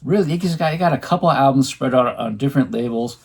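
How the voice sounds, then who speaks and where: A man's voice: medium pitch, fast, darkish tone, breathy edge. A man co-hosting at home, chatting casually about records he bought, rambling with many ums and restarts. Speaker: co-host showing his record purchases. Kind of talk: casual chat.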